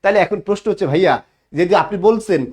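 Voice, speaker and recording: A man's voice: high-pitched, fast, darkish tone. A young man teaching a live online grammar class, often asking students to repeat the answer back to him.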